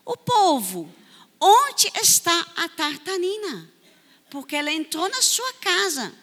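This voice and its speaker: Woman playing a small boy, high, childlike, pleading, echoing church hall. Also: big pitch swings, slow pace, fairly bright tone, heavily acted. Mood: insistent. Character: little boy, worried and eager to play.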